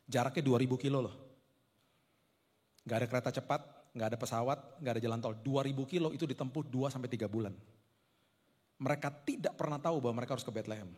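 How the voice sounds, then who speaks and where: A man's voice: medium pitch, husky. A male pastor preaching a sermon, telling stories with humorous asides to the congregation. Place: church hall. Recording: long hall reverb.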